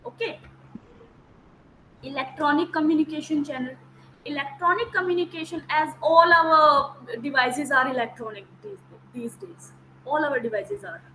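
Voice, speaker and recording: A Hindi-native academic counsellor lectures online via video call in a high, bright, forceful voice at a moderate pace. She goes step by step, repeating important terms and asking whether students are following. Slight background noise makes for a rough recording.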